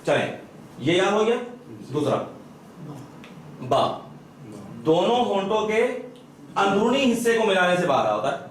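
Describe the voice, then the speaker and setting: A man leads a class on how to pronounce the letters, drilling his students with repeated questions. His fairly high voice carries through a very echoey room. It reaches a distant mic over faint background noise. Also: big pitch swings, pauses often. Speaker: Quran recitation teacher. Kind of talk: classroom teaching. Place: madrassa classroom.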